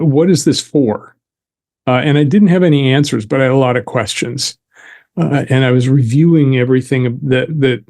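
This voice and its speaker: A man's voice: medium pitch, creaky, darkish tone. A man who is an interview guest, telling a personal story in conversation and chuckling wryly at himself. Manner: wry, chuckles at himself while recounting. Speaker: interview guest, belief therapist.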